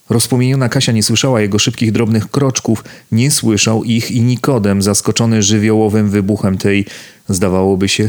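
A man narrating a novel as an audiobook in a measured, even delivery. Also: lowish voice. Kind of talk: scripted narration.

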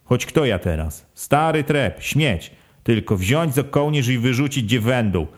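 A man voicing an old village father in an audiobook, low and weary, speaking with resigned fatalism. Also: lively intonation, measured pace, lightly acted. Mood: self-pitying. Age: older.

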